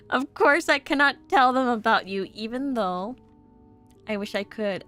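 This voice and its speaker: A woman streaming a game, reading its letters and dialogue aloud in a slow, expressive way, and turning playful and giggly between lines. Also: a little high. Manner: playful and giggly when ad-libbing. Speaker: VTuber streamer.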